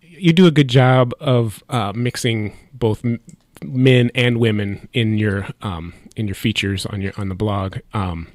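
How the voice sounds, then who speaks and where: A man's voice: on the low side, measured pace, no echo, studio quality. A man hosting a podcast interview, asking questions hesitantly with many restarts. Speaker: podcast host. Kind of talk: casual interview.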